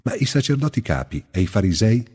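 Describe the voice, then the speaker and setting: Deep husky man reading solemnly in a hall. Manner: measured, steady, slows on key phrases. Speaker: scripture reader. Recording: long hall reverb.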